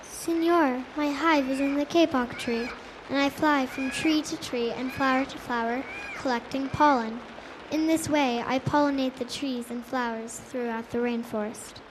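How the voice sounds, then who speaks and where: A woman's voice: high voice, fairly even intonation, normal speed, background noise, close to an everyday voice. A woman voicing a busy bee that explains patiently in a storybook. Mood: explaining.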